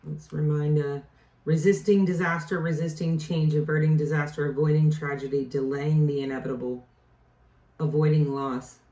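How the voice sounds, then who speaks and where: A woman's voice: low-pitched, fairly even intonation, normal speed, dark tone. A woman giving a casual tarot reading, rambling and often trailing off to restart her thought. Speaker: tarot reader. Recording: echoey room, distant mic.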